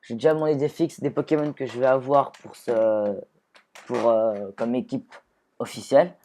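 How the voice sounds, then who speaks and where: A man's voice: medium pitch, fairly even intonation, moderate pace, mellow, slight background noise. Man casually rambling over gameplay. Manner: rambling, self-correcting, talks to his creatures. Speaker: gameplay video creator. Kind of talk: casual Minecraft gameplay commentary.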